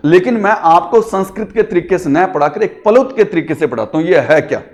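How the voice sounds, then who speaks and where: High-voiced teacher drawing out sounds. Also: male voice, expressive, a little fast, darkish tone. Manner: stretches and calls out words to demonstrate sounds; speaks to students directly, asking questions. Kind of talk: classroom grammar lesson.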